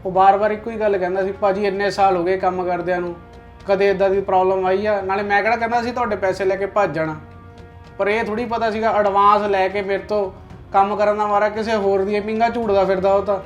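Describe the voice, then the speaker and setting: An insistent Punjabi businessman, played by a man, who won't let his money go. His voice sits high and races along. Faint music runs underneath. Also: little pitch movement, lo-fi sound, natural voice. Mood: pleading. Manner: insistent, quick to anger. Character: aggrieved male businessman, hot-tempered creditor. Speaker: client owed an order. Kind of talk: web drama acting.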